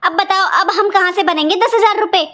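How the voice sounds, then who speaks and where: A woman voicing a harsh, stingy aunt in a cartoon, scolding in a sharp-tongued way. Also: extremely high pitch, brisk. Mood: complaining. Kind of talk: cartoon voice acting.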